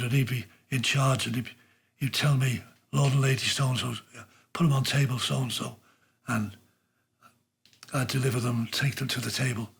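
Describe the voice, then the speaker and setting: A man's voice: mid-range voice, creaky, a bit bright, breathy edge. An older man with a Liverpool Scouse accent, telling stories in a chatty interview, full of fillers and restarts. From Liverpool, England. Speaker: interviewee, pub owner. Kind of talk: casual storytelling interview.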